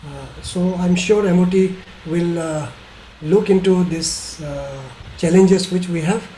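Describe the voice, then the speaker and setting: Middle-aged male presenter, Indian accent, hesitant delivery, dark soft tone, faint call noise. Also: high voice. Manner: halting, hesitant. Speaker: tour operator presenting. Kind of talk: informal webinar presentation. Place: small bedroom indoors, video call. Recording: slightly noisy video call.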